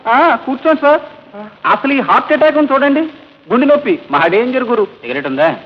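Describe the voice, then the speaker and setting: Role: a sly fast-talking fake palm reader. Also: male voice, very high voice, expressive. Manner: coaxing, teasing, fast patter. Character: scheming smooth-talking man posing as a palm reader. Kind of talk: old Telugu film comedy dialogue. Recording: dull lo-fi old film soundtrack.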